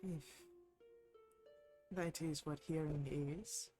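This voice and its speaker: A woman voicing an ancient, calm tree that answers in slow, puzzled, hushed questions. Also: sits low, voice pushed down. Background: faint background music.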